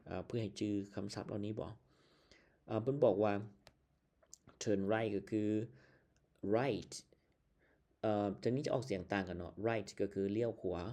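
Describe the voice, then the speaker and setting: A man's voice: on the low side, dark tone. A man with a Lao accent teaching English vocabulary in a casual lesson, spelling words out letter by letter, recorded on a computer's built-in microphone. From Laos.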